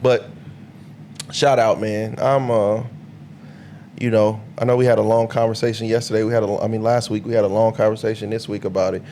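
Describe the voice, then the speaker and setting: A man co-hosting a podcast, trading animated, profane opinions in a casual group debate. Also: on the low side, a little fast, a little hiss or hum. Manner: animated, profane, acts out quoted people. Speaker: podcast co-host.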